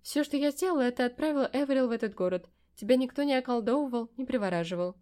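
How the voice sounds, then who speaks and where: A woman's voice: sits high, animated, fast talker, warm tone, voice pushed up. A woman voicing a sly, teasing witch. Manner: coaxing and teasing, mock-surprised. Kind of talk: audiobook character voicing.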